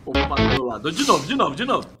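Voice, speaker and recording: A man hosting a live stream, giving teasing, animated political commentary. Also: on the high side, quick pace, music in the background.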